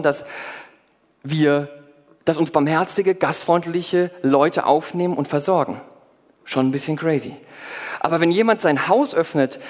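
Lively preacher man, booming hall echo. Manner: lively, playful asides to the congregation. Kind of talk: sermon told in first person as one of the apostles. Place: church hall before a congregation. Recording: long hall reverb.

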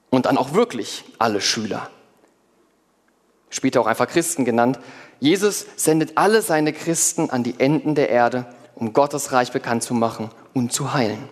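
A man preaching a sermon in first person as one of the apostles, lively, with playful asides to his congregation. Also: medium pitch. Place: church hall before a congregation. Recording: long hall reverb.

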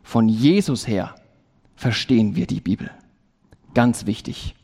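Slow, emphatic preacher man in a reverberant hall. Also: on the low side, animated, dark tone. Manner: slow, emphatic, repeats key phrases with rising stress. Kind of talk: sermon. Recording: long reverb of a large hall.

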